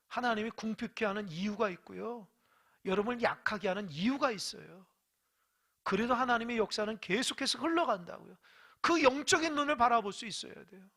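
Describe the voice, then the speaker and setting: A pastor delivers a sermon in a bright, forceful voice. The preaching is emphatic and full of rhetorical questions aimed at the congregation. It swings sharply between loud exhortation and quiet, hushed asides. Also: mid-range voice, creaky.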